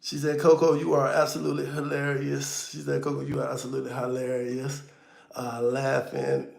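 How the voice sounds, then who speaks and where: A man's voice: medium pitch, monotone, moderate pace, vocal fry, a little mellow, roomy sound. A man hosting a casual livestream, talking loosely and slangy straight to his viewers, with auto-tune on his voice. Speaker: livestream host.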